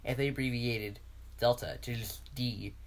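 A man's voice: mid-range voice, fairly even intonation, measured pace, heavy background noise. A man co-hosting a casual podcast, rambling with many fillers and restarts, often breaking into laughter. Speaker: podcast co-host. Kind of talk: casual chat.

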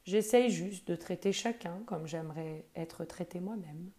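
A woman voicing a gentle old buffalo. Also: lowish voice, measured pace, lightly acted. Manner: modest, soft-spoken. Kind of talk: storybook reading for children.

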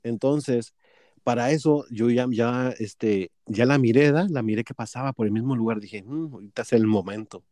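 A man's voice: medium pitch, moderate pace, mellow, no room sound. A man with a Mexican accent telling a workplace story in casual chat, profane and gossipy, acting out both sides of a quarrel.

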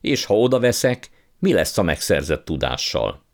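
A man's voice: sits low, sing-song, creaky, pitched above the performer's own voice, heavily acted. A man voicing a pompous, blustering old uncle who calls himself a scientist and magician. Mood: outraged. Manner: blustering, condescending, impatient.

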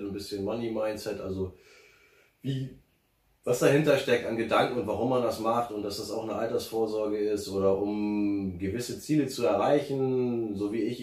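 A finance blogger, interviewed as a guest, talks casually and rambles, full of fillers and restarts. His voice is fairly low with a darkish tone, and the recording sounds roomy, as if he sits far from the mic.

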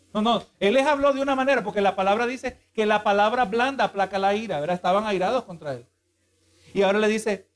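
A male pastor preaching a sermon, reading scripture aloud and explaining it, with frequent asides of agreement. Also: extremely high pitch.

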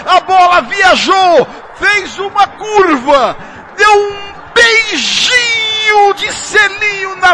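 A man shouting explosive goal commentary on football, with drawn-out, repeated calls. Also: very high-pitched. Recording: loud stadium crowd noise behind. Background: crowd and stadium noise.

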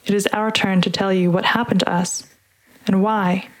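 A woman reading a narrative piece aloud and introducing the program in a measured, deliberate way. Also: medium pitch, steady tone. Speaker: podcast host and reader. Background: music underneath.

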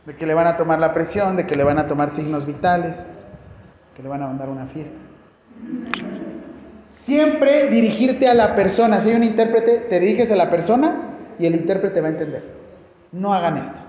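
A man with a Mexican accent giving a lively, joking classroom lecture to nursing students and asking the class questions. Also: a little high, slight background noise. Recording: echoey hall, dull lo-fi sound.

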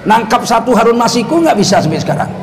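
His pitch is extremely high and sing-song, and he talks fast. He's a male Islamic preacher from North Sumatra, Indonesia, whose religious lecture is laced with sarcastic political commentary and questions thrown rhetorically at the audience.

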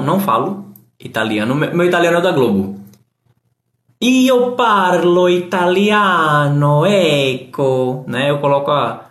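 A man's voice: mid-range voice, a bit bright, reverberant. A man giving a casual live-stream English lesson, answering chat comments and explaining grammar patiently.

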